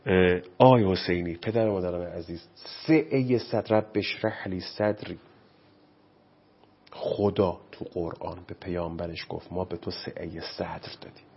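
A man's voice: deep voice, creaky, slightly rough, highs cut off. A man speaking as a guest on parenting, preachy and impassioned, often quoting scripture. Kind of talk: animated studio talk.

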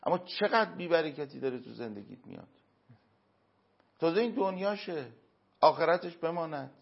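A man answering as an interview guest, giving earnest moral and religious advice through everyday examples, with emphatic pauses. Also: a little high, lively intonation, vocal fry, breathy edge. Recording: dull lo-fi recording.

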